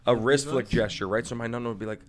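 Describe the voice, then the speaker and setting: A man chatting casually on a podcast as a comedian guest, his stories loose and profane and packed with filler words. His pitch sits in an ordinary middle range, and he leans into animated character impressions as he tells them. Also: quick pace. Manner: profane, rambling storytelling with many fillers; slips into animated impressions and laughs mid-story.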